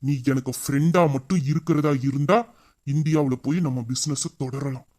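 Brief: performer doing a young husband, brooding and tender, mid-pitched, intimate audio-drama delivery. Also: steady tone, normal speed, a little mellow, close to an everyday voice. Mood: threatening. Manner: emotional, intimate, endearing.

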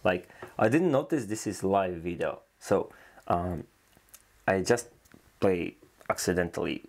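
Low gravelly man reacting casually. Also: lively intonation, a little slow. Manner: loose, rambling, enthusiastic, with many fillers. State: tired, yawning. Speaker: reaction video host. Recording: faint music playing behind.

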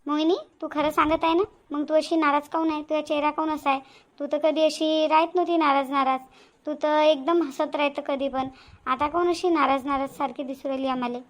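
A woman's voice: high voice, fairly even intonation, a little fast, close to an everyday voice. A woman with a Varhadi Marathi accent voicing a stern, protective village mother pressing her daughter with questions. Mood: worried questioning.

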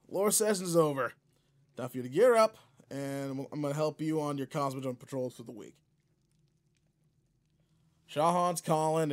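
In a video game roleplay, a man plays a seasoned, laid-back space guardian mentor, delivering an in-character monologue to a partner. His mid-range voice is close to an everyday one, and his talk is casual, slangy and wry.

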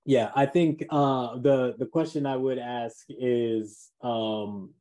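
A man's voice: mid-range voice, fairly even intonation, slow pace, warm tone. A man chatting casually as a tabletop game player, thinking aloud hesitantly. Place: indoors at home, on a video call.

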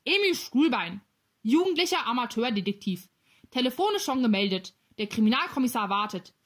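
A woman voicing a brisk male detective who talks in clipped fragments in a storybook reading. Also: fairly high pitch, very animated. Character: brisk male detective talking while chewing.

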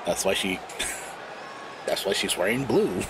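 A man's voice: on the low side, animated, slow, noisy background. A man doing casual, rambling commentary on a live stream, giggling often and apologizing with a laugh. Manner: giggly, rambling, self-deprecating. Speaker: wrestling commentator.

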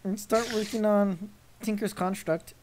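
A woman's voice: medium pitch, steady tone, measured pace, a little mellow, a little hiss or hum. A young woman commentating her gameplay casually, easily frightened and exclaiming in panic.

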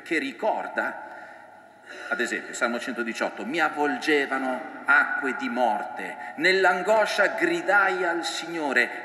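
Bright-voiced priest preaching in an echoey church. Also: male voice, mid-range voice, slight background noise. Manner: reflective, quotes scripture in dramatic voices. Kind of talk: sermon. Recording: echoey church with long reverb.

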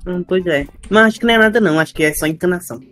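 A man's voice: high-pitched, racing, over music, natural voice. A man voicing an easygoing young boy, a vampire's son, in a Minecraft role-play. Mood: calm.

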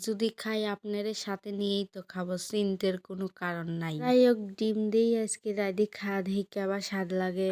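A woman's voice: mid-range voice, darkish tone. A woman from Pabna speaking with the Pabna dialect, chatting frankly and teasingly to her viewers as she narrates a cooking vlog. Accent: Pabna Bengali dialect. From Pabna, Bangladesh. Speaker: cooking vlogger.

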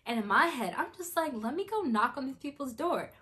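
Chatty woman in her 20s vlogging a story, kinda high voice, lots of "like". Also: a little fast. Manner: animated, chatty, lots of "like" and acted-out quotes. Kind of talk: casual storytelling.

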